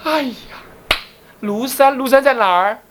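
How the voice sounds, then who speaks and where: A man's voice: very high-pitched, measured pace, slight background noise. A man with a Taiwanese Mandarin accent, a Buddhist abbot teaching a class, who quizzes his listeners and teases them in playful asides. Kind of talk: lively Buddhist lecture.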